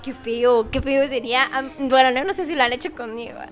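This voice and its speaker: A woman's voice: high voice, fairly even intonation, brisk. A young woman, hosting a casual podcast chat, telling stories, laughing often and acting out quoted dialogue. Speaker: podcast host.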